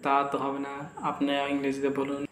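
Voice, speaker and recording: A man playing a cheeky father in a comic sketch, twisting everything said to him with deadpan wordplay. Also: mid-range voice, moderate pace, slight background noise. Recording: echoey room with faint ambience.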